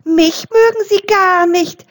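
A woman voicing a timid little male field mouse who squeaks as he talks in a storybook reading. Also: slow pace. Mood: complaining. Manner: squeaks "pieps".

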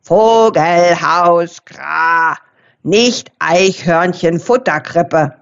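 A woman voicing a grumpy, know-it-all male raven who croaks between his sentences in a storybook reading. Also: fairly low pitch, very slow, pitched below the performer's own voice. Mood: gruff.

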